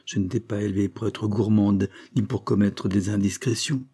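A man voicing an old peasant father, stern and gruff but kind, in an audiobook reading. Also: lowish voice, steady tone, normal speed, dark tone.

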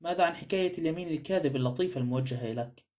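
A man's voice: fairly high pitch, racing, a little mellow, natural voice. A man reading a cool, sardonic adventurer. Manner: cool, dry.

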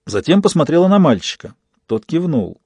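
A male audiobook narrator with a mellow, dark tone and a measured, even delivery. The recording is dry and close, with no room sound. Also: a little high, breathy edge, dry recording. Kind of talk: scripted narration.

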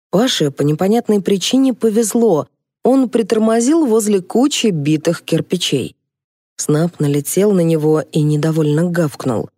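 Woman narrating a comic audiobook, dark tone. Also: on the low side, no room sound, clean studio sound. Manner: lively, ironic storytelling. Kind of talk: first-person audiobook narration.

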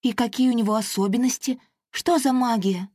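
A woman reading a storybook aloud and voicing a small, excitable girl air fairy who talks in an eager, insistent rush. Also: fairly high pitch, normal speed, dry recording, studio quality, pitched above the performer's own voice, lightly acted. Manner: breathless, insistent, bubbly.

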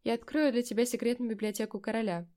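A woman's voice: on the high side, fairly even intonation, quick pace, close to an everyday voice. A woman voicing a firm young nobleman. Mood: tender. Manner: gentle, sincere, sometimes sharp. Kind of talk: audiobook character voicing.

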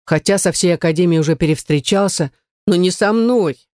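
A woman's voice: lowish voice, normal speed, darkish tone, no room sound, studio quality, close to an everyday voice. A woman reading an audiobook, voicing a dreamy, lovesick young female necromancer student who gushes and pities herself. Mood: self-pitying. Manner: dreamy, gushing, self-pitying.

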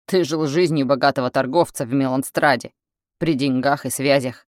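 A man's voice: mid-range voice, fairly even intonation, moderate pace, no echo, studio quality, lightly acted. A woman doing a mocking young carpenter. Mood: mocking, defiant. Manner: mocking, sharp. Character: sarcastic, defiant young male carpenter.

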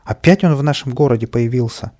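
A man's voice: medium pitch, fast, warm tone, lightly acted. Man doing a stern police sergeant. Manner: stern, announcing. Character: stern male police sergeant, official and alarmed.

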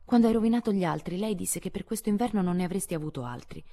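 A woman's voice: mid-range voice, very fast, warm tone, voice pushed up, lightly acted. A woman reading an audiobook, voicing a fussy, proper sixteen-year-old girl who frets about appearances. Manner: anxious, insistent about appearances.

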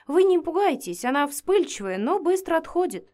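A woman's voice: very high voice, sing-song, moderate pace, a little mellow, voice pushed up. A woman voicing a pompous male prince of darkness with a stiff, sighing manner. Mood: measured.

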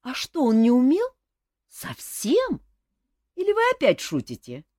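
A woman's voice: sits high, huge pitch swings, unhurried, a little mellow, no echo, studio quality, voice pushed up, heavily acted. Woman doing a plaintive, timid young girl. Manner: plaintive, pleading. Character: young girl newly arrived in a magic kingdom, timid. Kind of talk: audiobook character voice.

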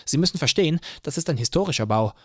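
A small, choleric official , as a male narrator puts him on in an audiobook, his voice pushed well above the reader's own. He snaps in high, indignant bursts. The recording is close and dry. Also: expressive, fast talker, dry recording. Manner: shrill, indignant outbursts. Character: small hot-tempered male city hall official.

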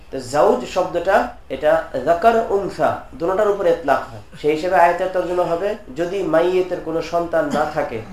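A man with a high-pitched voice teaches a classroom lesson on scripture commentary. He works through the text term by term, repeats his key points and asks his students questions as he goes. The room around him is echoey. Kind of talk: classroom lecture explaining a text.

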